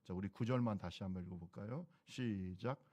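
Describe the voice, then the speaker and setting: A man's voice: on the low side, brisk, warm tone. A middle-aged man preaching a sermon as pastor, exhorting the congregation with repeated calls.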